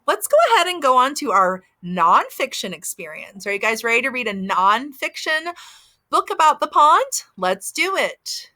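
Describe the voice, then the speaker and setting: This story reader from the American South uses big pitch swings and a moderate pace as she reads to little children outside a house, stopping to comment. Bright and high, her teacherly sing-song is full of simple questions, like talking to a toddler.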